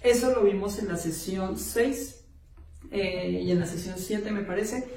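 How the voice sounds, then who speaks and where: A course instructor walks through a lesson step by step, filling pauses with many small filler words and restarting words partway through. The voice is dark and mellow. It sits back from the mic in a roomy, echoing space. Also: mid-range voice, slight background noise. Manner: frequent "este" and "entonces" fillers, restarts words mid-sentence. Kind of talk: online video lesson, step-by-step explanation. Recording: roomy echo, voice distant from the mic.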